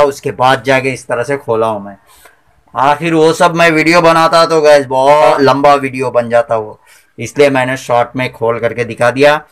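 This repair-channel host is a man in his thirties whose voice sits on the high side, clear and resonant with a bit of brightness. He talks through the job step by step in a chatty, casual way while working in a cramped, messy workshop, captured on a handheld phone.

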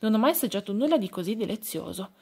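A woman voicing a mischievous, excitable little male woodland creature who talks high and eagerly in a storybook reading. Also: quick pace, husky. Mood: savoring.

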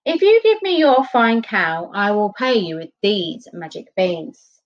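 A woman's voice: medium pitch, sing-song, a little slow. Woman playing a coaxing stranger. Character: sly male stranger offering a trade. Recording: dull lo-fi recording.

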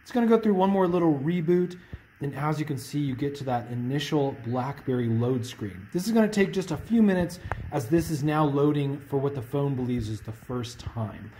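A man's voice: medium pitch, animated, moderate pace, mellow, slight background noise. A man hosting a tech tutorial, explaining step by step in a friendly, plain way while working a phone on camera.

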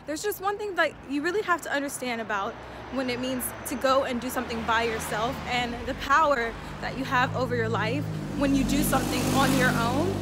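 A young woman vlogging to camera, chatty and frank, out of breath as she walks through city streets. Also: high-pitched. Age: young adult. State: out of breath while walking. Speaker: vlogger and fashion student. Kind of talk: casual vlog talk to camera. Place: outdoors on busy city streets. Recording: loud street traffic noise.

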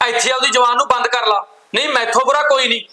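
A man's voice: high voice, fairly even intonation, brisk, bright, forceful tone. A man with an Indian Punjabi accent playing a protective brother who stands up for his sister. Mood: angry. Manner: firm, scolding. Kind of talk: village family short film acting.

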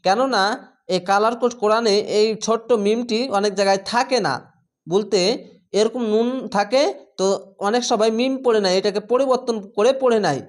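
A man teaching Quran reading step by step. He spells out each letter and vowel slowly, then blends them into the word. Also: sits high. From Bangladesh. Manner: drawn-out chanting on Arabic words.

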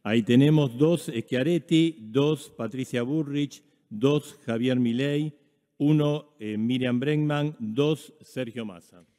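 A man moderates a debate, measured and dotted with fillers. His voice is dark in tone and mid-pitched. The long reverb of a large hall trails behind him. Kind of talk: formal moderation.

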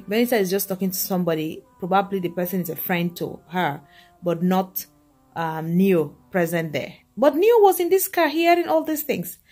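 A woman's voice: mid-range voice, a little mellow, slightly rough. A young woman, chatting to her viewers from the back seat of a car and calling them guys. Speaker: gossip vlogger. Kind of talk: casual chat to viewers. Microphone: phone at arm's length.

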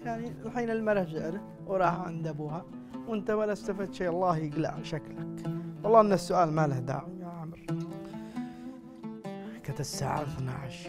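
A man playing a blustering, middle-aged father who curses quickly and talks loudly in exasperation, in a comedy sketch. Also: sits high. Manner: loud, exasperated, rapid cursing. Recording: music playing behind the voice.

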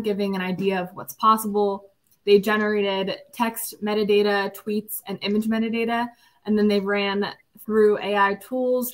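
A woman's voice: medium pitch, poor audio. Woman host reading a welcome. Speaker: host, marketing specialist. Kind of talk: scripted show introduction.

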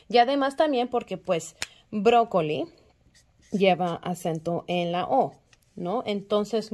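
A woman's voice: mid-range voice, darkish tone. Chatty woman teacher full of fillers. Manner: chatty, many filler words, self-correcting; sounds out words syllable by syllable. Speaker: kindergarten teacher. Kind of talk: casual explanation to parents.

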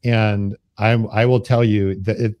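Low-voiced man co-host, dry sound. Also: little pitch movement, measured pace, no echo, highs cut off. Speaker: podcast co-host. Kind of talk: casual chat.

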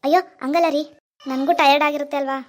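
A woman voicing a tired, gentle pregnant young wife in a cartoon. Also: sits high, steady tone, fast, natural voice. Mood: pleading. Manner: gentle, pleading. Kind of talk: animated cartoon voice acting.

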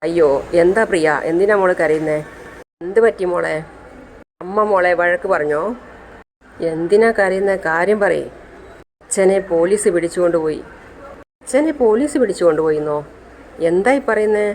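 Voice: medium pitch, moderate pace, pauses often, slight background noise, lightly acted, rough recording. A storyteller voicing a caring woman comforting a crying girl. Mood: concerned. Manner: concerned, comforting. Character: caring worried female neighbour.

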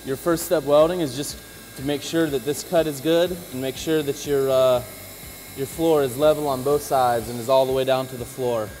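A man who installs flooring, giving a casual on-the-job demonstration, relaxed and practical as he talks while working. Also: mid-range voice, moderate pace, a little hiss or hum, rough recording. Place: indoor work floor.

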